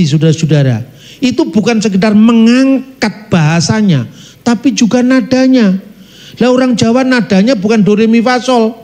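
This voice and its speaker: A middle-aged man, preaching a sermon, telling stories animatedly and addressing the congregation directly. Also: very high voice. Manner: animated storytelling, addresses congregation, sings snatches of song.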